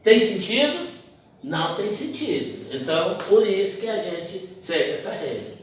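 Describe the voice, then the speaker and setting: A man's voice: high voice, very animated, moderate pace, a little hiss or hum. A man teaching a grammar lesson, explaining step by step and asking the class rhetorical questions. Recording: very echoey room from far off.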